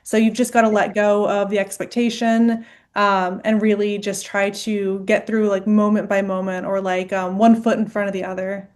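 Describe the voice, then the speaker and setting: A woman's voice: mid-range voice, level tone, moderate pace, darkish tone. A young woman, a guest on a casual podcast, talking reflectively and chattily with many fillers. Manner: chatty, reflective, heavy use of "like". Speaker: guest client, first-time competitor.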